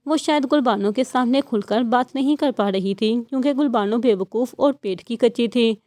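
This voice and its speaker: Female audiobook narrator, steady, expressive, slightly high voice. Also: no room sound. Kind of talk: audiobook novel reading.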